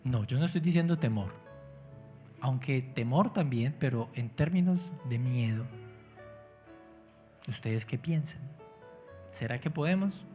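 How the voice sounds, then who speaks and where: A man's voice: medium pitch, animated, measured pace, pauses often, warm tone, faint music behind. Pastor preaching to his congregation. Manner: engaging, asks the congregation questions; humorous, self-mocking. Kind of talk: sermon. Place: church.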